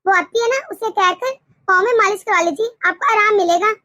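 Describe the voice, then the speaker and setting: A woman voicing a gentle, dutiful young mother and daughter-in-law in a cartoon, speaking politely and softly. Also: very high voice, a little fast. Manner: polite, soft-spoken. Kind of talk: cartoon voice acting.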